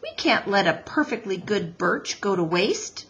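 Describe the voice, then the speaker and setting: A woman's voice: medium pitch, lively intonation, a little slow, fairly bright tone, lo-fi sound. A woman voicing a practical, bossy mother beaver in a storybook, no-nonsense yet courteous. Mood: scolding.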